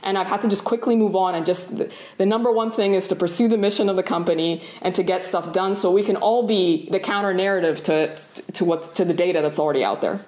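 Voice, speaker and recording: Woman from Sudan, startup CEO, low-pitched, earnest and reflective, on an echoey call. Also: fast, hardly any pauses, a little mellow. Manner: earnest, reflective, restarts phrases. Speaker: tech founder and CEO. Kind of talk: video-call interview answers. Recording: roomy echo.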